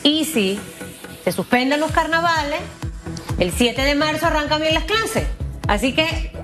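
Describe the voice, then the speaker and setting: A woman hosts a conversational interview in Panamanian Spanish. Her voice sits a little high, and she speaks directly and colloquially. Faint music plays behind her. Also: lively intonation, measured pace. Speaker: talk show host. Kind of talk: lively conversational broadcast interview.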